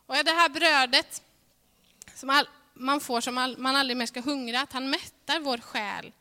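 A woman gives a sermon in a church, her voice bright and raised in pitch. She is earnest, pressing some phrases out loudly and sinking others to a near-hush. The hall lets every word ring on. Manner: earnest, swings between ringing emphasis and hushed softness. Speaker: preacher. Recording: reverberant hall sound.

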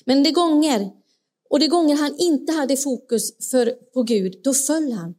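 Woman preacher, earnest, slightly high voice, asks the congregation questions. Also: a little mellow. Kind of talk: sermon.

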